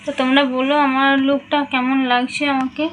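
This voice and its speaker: High-voiced chatty woman vlogging at home. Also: flat delivery, brisk, fairly bright tone, faint music behind, rough recording. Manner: chatty, addresses viewers as friends. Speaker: lifestyle vlogger. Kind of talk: casual home vlog chat. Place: home at night.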